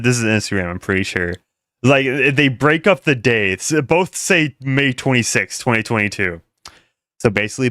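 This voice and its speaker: A man's voice: medium pitch, sharp tone, smooth, dry recording, studio quality. A young man rambling through casual livestream commentary, laughing often and restarting his sentences. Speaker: commentary streamer.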